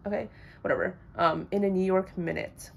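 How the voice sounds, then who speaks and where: A woman's voice: fairly low pitch, fairly even intonation, normal speed, creaky, a little hiss or hum. A young woman casually rambling through blunt opinions on books she has read, with lots of fillers. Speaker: book vlogger. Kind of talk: casual chat.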